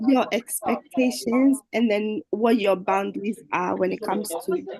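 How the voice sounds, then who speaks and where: A woman's voice: medium pitch, measured pace, crowd noise, rough recording. A woman hosting an online dating show over a video call, speaking hesitantly with many fillers. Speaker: host.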